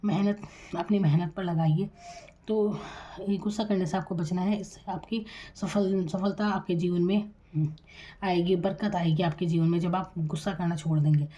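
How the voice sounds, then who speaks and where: A woman from India giving a tarot reading, speaking quietly and calmly and addressing the viewer directly with reassurance. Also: lowish voice, highs cut off. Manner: soft-spoken, deliberately quiet. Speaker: tarot reader.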